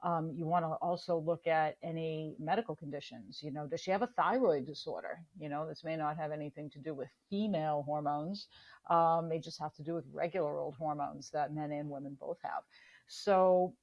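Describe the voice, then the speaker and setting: Deep-voiced woman on muffled audio. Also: normal speed. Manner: animated, explains with analogies. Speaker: guest physician. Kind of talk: explanatory interview answers.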